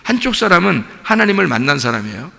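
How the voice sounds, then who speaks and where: A man's voice: high-pitched, big pitch swings, fast talker, vocal fry, bright, forceful tone, in a large hall. A male pastor preaching a sermon in a conversational way, asking the congregation questions and building to emphatic peaks.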